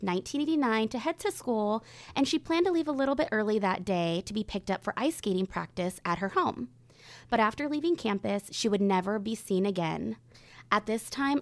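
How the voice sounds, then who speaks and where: A woman's voice: mid-range voice, dry recording. Woman narrating true crime, suspenseful and close-up. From Northern California. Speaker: co-host of a true crime podcast.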